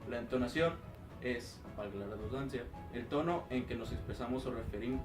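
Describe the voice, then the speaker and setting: A man's voice: mid-range voice, brisk, recorded from a distance. A man presenting a class topic, explaining step by step with fillers and restarts. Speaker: student presenter. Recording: echoey room, mic from afar, music behind.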